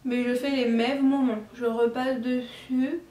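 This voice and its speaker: A woman's voice: fairly high pitch, flat delivery, unhurried, dark tone, distant mic. A young woman chatting through a makeup tutorial in a casual, self-deprecating way, with lots of fillers. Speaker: beauty vlogger. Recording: echoey room, voice a bit off-mic.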